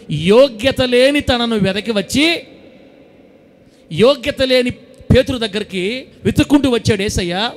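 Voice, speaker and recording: A man preaching a Sunday sermon, exhorting the congregation emphatically and pressing his points again and again. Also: extremely high pitch.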